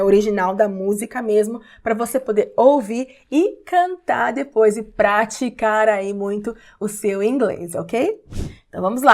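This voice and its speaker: A woman with a Brazilian Portuguese accent teaching an English lesson, patiently explaining and repeating words slowly. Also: fairly high pitch. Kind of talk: online language lesson.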